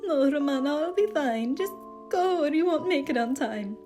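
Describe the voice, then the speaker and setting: A woman reading a fanfic aloud, voicing a gentle, sad young man who speaks softly. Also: high voice, expressive, moderate pace, faint music behind, voice pushed up. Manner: soft, weak.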